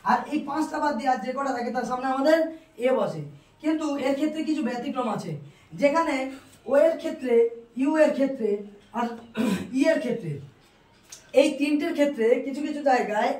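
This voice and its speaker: A teacher with a high voice explains grammar in classroom style, posing a question and then answering it, repeating each point. The sound is roomy and echoing, and the speaker stands some way from the mic. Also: expressive, brisk, darkish tone. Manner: asks questions and answers them, repeats to drill. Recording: roomy echo, distant mic.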